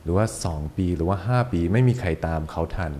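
A man with a very low voice hosts a casual podcast interview. He talks in a halting way with restarts, mixing in English phrases, over a faint background hiss. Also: dark tone. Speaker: podcast host.

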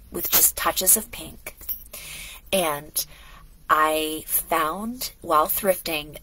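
This middle-aged lifestyle vlogger chats casually from her indoor home studio, sounding a bit congested from a cold. Her voice is lowish, a bit bright and slightly rough, and she rambles, going off on asides and restarting herself. The audio quality is poor.

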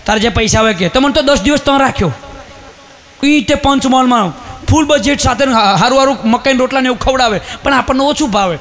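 A man with a Gujarati accent telling a comic story on stage, animated and shouting punchlines as he acts out the people in it. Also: extremely high pitch, fast. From Gujarat, India. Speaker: stand-up comedian.

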